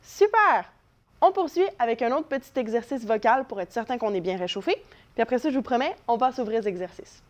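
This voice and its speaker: A woman's voice: a little high, expressive, fast, a little mellow. A young woman teaching a children's voice lesson, encouraging and demonstrating vocal exercises. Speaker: drama teacher. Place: living room at home.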